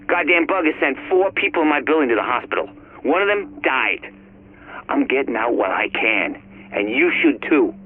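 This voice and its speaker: A man's voice: medium pitch, sing-song, moderate pace. An actor playing a nervous city man who talks in a hesitant, stammering way. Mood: earnest. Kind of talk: game audio log. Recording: tinny phone-like recording.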